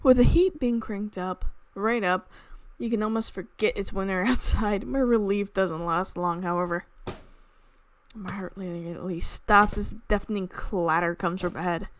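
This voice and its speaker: A woman with a mid-range voice reads a visual novel aloud as a let's player, narrating dramatically at a normal speed and slipping in casual asides. Music plays behind her, and there's a little hiss or hum.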